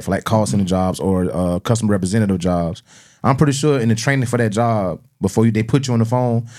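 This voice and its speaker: This fairly low, slightly mellow male voice belongs to a podcast host with a South Carolina Southern accent. He chats and debates casually, using slang and swearing freely.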